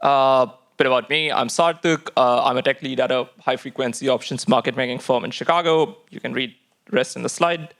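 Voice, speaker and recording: A man giving an informal technical conference talk, halting and full of fillers and restarts. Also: medium pitch, vocal fry, fairly bright tone. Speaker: tech lead giving a conference lightning talk.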